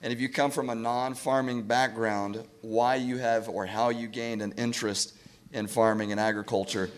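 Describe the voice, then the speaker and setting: A man with a scratchy voice moderating a panel discussion in a relaxed, conversational way. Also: mid-range voice, normal speed. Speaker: panel moderator, farm manager.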